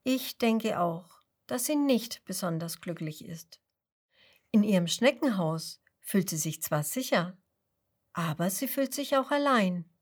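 A woman reading a children's story aloud in a gentle, expressive storytelling manner. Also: medium pitch, measured pace.

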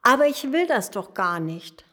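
A woman voicing a little boy dragon in a storybook, with a high, earnest childlike voice. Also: big pitch swings, moderate pace, a bit bright. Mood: eager. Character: little boy dragon, sad then eager.

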